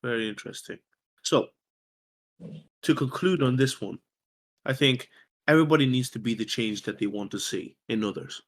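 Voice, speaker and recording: A man hosting a podcast, talking earnestly in a casual chat and explaining his points with rhetorical questions. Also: mid-range voice. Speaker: podcast host.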